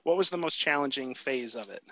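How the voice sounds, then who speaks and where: A man hosts a podcast in a friendly, casual way, with a bright, forward tone. The sound is dry and a little dull, with no room around it. He restarts phrases often, repeating words as he sets up his questions. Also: mid-range voice, lively intonation, a little fast, dry recording. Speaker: podcast host. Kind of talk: casual interview chat.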